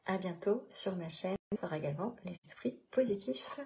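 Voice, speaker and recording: A woman's voice: on the low side, lively intonation, normal speed, gravelly. A woman meditation coach and channel host, talking casually and encouragingly to her live audience after a guided meditation, with many hesitations and restarts.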